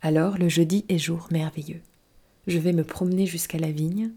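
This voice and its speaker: Gentle wise fox, a woman reading, soft and reflective, warm low voice. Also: fairly even intonation, moderate pace, husky. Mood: tender. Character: wise gentle male fox, patient and wistful. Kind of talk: storybook reading.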